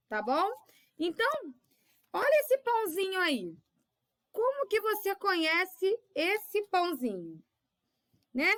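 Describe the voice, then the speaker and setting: A woman's voice: high-pitched, pushed and bright. A woman teacher, giving a recorded lesson to children and patiently checking in with little tag questions. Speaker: primary school teacher.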